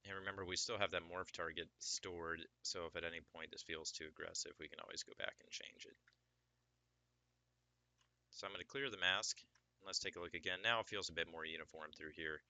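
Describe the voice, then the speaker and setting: Male tutorial instructor, low voice with a sharp, bright edge, laid-back and chatty. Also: fairly even intonation, fairly quick, dry recording. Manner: casual, explanatory, many fillers. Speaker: 3D sculpting instructor. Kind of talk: screen-recorded software tutorial.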